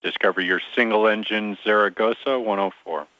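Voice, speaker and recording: A man's voice: lowish voice, steady tone, a little fast, dry recording. Man on a dry radio communicator link. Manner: clipped procedural radio callouts. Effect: radio transmission, like a communicator link. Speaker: capsule communicator at mission control. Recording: dry, dull lo-fi radio channel.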